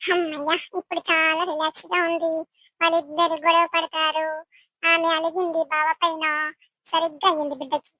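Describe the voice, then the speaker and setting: A woman's voice: very high-pitched, flat delivery, a little fast, sharp tone, dry recording, poor audio. A woman voicing a jealous, scheming young girl cousin in a village comedy skit, taunting and gloating. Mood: smug.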